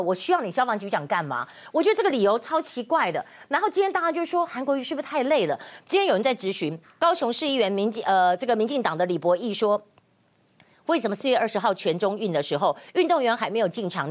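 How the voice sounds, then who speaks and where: A woman's voice: a little high, sing-song, fast. A woman with a Taiwanese Mandarin accent who gives solo current-affairs commentary. She talks with indignation, fires off rhetorical questions, and drops in Hokkien words. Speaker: political commentator.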